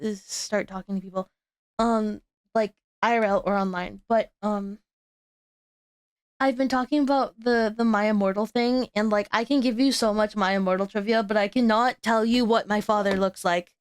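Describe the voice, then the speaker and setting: A young woman, a VTuber streamer hosting a guest, chats casually, rambling and laughing at herself. Her medium-pitched voice is steady and clean, at a normal speed, recorded dry. She stutters, often repeating words and restarting sentences.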